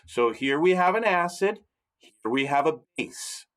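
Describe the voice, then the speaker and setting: A male science teacher giving a recorded chemistry lecture. He speaks slowly and carefully, and his pitch rises and falls a lot as he stresses key words. He keeps asking his students questions to help them remember. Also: lively intonation, fairly bright tone. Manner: slow, deliberate, asks students questions.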